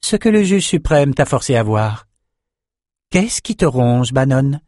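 A man's voice: medium pitch, big pitch swings, a little slow, a little mellow, no room sound, studio quality, pitched above the performer's own voice. Stern blunt sorceress, as a man reads her. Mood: firm. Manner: blunt, probing. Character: stern commanding woman sorceress. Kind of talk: audiobook character voice.

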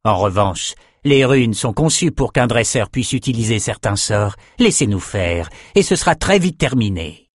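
A man's voice: fairly low pitch, expressive, moderate pace, dry recording, studio quality. A man reading an audiobook voices a confident male beast trainer advising his leader. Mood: assured.

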